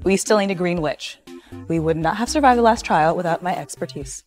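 An actress playing a vain, sharp-tongued witch who is fed up with everyone, her lines dry and cutting. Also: fairly low pitch, fairly quick, close to an everyday voice. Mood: exasperated. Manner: sarcastic, cutting. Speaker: actor in a TV series. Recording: scene audio under faint music.

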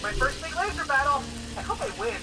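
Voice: sits high, a little fast, background noise. A chirpy polite robot butler. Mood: chirpy menace. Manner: chirpy and courteous, even while threatening. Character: cheerful, polite robot butler turned assassin. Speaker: villain robot agent. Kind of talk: video game voice acting. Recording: distant voice over loud game music.

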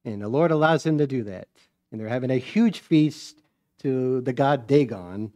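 A man's voice: medium pitch, expressive, moderate pace, dark tone. A man preaching a sermon in a church, telling a story in a folksy way and acting out its scenes. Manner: folksy storytelling, acts out scenes, chuckles often.

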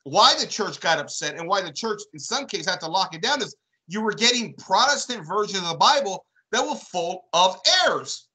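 Bright-voiced man discussing church history. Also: high voice, expressive, normal speed, poor audio. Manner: thoughtful, builds questions with repeated "right?". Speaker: co-host. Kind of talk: casual religious discussion.

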